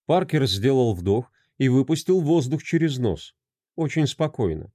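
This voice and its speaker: Expressive male audiobook narrator, mellow voice. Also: medium pitch, unhurried, no room sound, studio quality.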